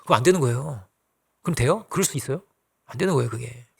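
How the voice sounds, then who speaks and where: A man preaching a conversational sermon as pastor, acting out quoted lines and dropping to soft asides. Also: mid-range voice, animated, fast talker, vocal fry, breathy edge.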